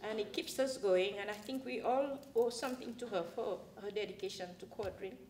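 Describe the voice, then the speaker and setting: A woman's voice: mid-range voice, fairly quick, a little mellow. An older woman, a quadrille dancer, answering interview questions in an earnest, heartfelt way. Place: small studio with plain backdrop. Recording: roomy and distant, faint hiss.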